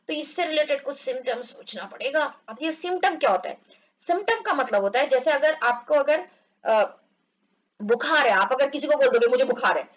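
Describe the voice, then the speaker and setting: Lady teacher going through a storybook chapter, high voice, slow on the english bits, kinda muffled lo-fi audio. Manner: reads English lines slowly, explains in Hindi, acts out groans. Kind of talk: explaining a textbook story to children. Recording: dull lo-fi recording.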